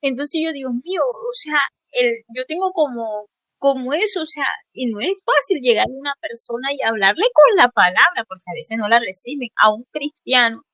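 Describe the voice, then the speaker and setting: A woman giving a fervent, halting spoken testimony in a class, with many restarts. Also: sits high, expressive, pushed and bright, dry recording. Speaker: student sharing a testimony.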